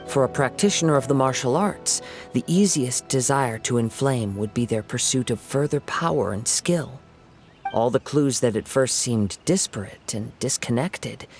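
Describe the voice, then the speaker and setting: A man with a medium-pitched voice plays a calm, sharp young detective in a game, laying out his reasoning in a composed, analytical manner.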